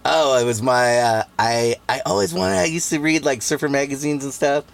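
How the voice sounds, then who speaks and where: A Southern California man in his forties, guesting on a podcast and chatting casually. His medium-pitched voice moves at a normal speed with some vocal fry, and he rambles laid-back through his stories, full of fillers.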